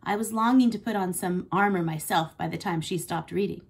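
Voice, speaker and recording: Husky woman reading a story aloud. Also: lowish voice, brisk. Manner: expressive storytelling. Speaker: teacher. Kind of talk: classroom read-aloud.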